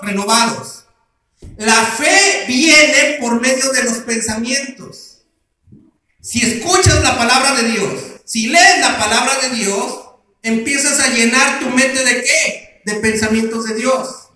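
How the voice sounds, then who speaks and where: A man's voice: very high voice, slow pace, sharp tone. A male pastor preaching a sermon, putting questions to the congregation and answering them himself. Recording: very echoey room.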